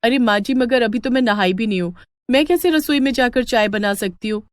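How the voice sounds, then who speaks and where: A woman's voice: a little fast, no echo, clean studio sound, close to an everyday voice. A woman voicing a whiny vain young daughter-in-law. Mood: apologetic. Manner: whiny, high and protesting.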